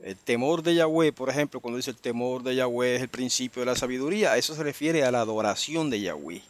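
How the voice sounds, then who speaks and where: Man, Bible teacher, mid pitch; unhurried verse-by-verse teaching, checks in with listeners often. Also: animated. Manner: unhurried, explanatory, with frequent tag questions.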